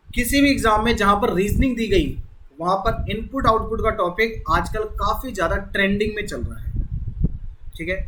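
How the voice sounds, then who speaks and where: An Indian reasoning teacher, male, runs an exam-prep classroom lecture, explaining step by step and repeating key words. His voice is high-pitched with a fairly bright tone, and the rough recording has a little hiss or hum.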